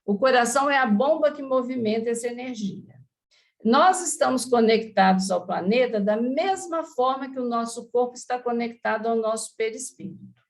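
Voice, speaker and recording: A woman's voice: fairly high pitch, normal speed. A woman giving an informal spiritist lecture in Brazilian Portuguese, chatty, with frequent asides to her listeners.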